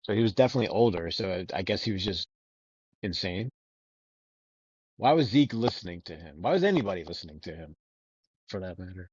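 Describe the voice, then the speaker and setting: Low-voiced swearing man, rambling podcast chat. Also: sing-song, a little fast, long pauses, a little mellow, breathy edge, dry recording. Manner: rambling, swears often, loose and joking. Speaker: podcast co-host. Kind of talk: casual book discussion. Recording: dull lo-fi recording.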